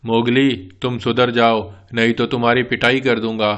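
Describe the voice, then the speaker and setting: A man's voice: mid-range voice, little pitch movement, normal speed, fairly bright tone, smooth, pitched below the performer's own voice, natural voice. A man voicing a village father who blusters and scolds but is easily scared. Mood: nervous bluster.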